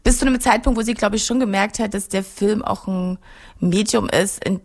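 Woman, forties, from Germany, gravelly, reflective, hesitant, interview guest. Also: medium pitch, brisk. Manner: reflective, searching for words with many fillers. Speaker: filmmaker guest. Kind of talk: interview conversation.

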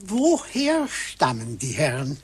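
An actor playing a polite, formal professor at a medieval university, in an old radio play. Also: male voice, a little high, wildly swooping pitch, slow pace, heavily acted. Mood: courteous. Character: courteous male medieval professor.

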